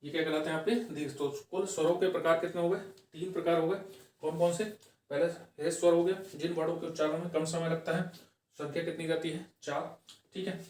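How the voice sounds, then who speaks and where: Guy teaching grammar, slightly high voice, asks and answers his own questions, repeats stuff slow, boomy room, mic kinda far. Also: fairly even intonation, darkish tone, echoey room. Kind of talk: exam-prep lesson.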